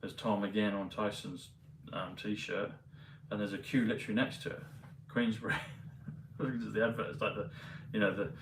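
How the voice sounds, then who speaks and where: Guy talking to camera, kinda low and monotone, wanders off a lot, roomy echo from far off the mic w faint background hum. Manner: meandering, hesitant, many pauses and fillers. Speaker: vlogger. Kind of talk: rambling casual monologue.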